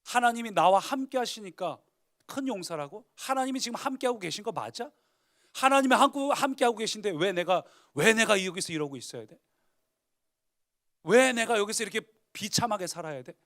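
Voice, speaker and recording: A man's voice: high voice, expressive, fairly quick, a bit bright, pitched above the performer's own voice. A man doing a bitter, indignant young man. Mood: bitter disbelief. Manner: sarcastic, indignant complaining. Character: bitter, frustrated young man hiding in fear.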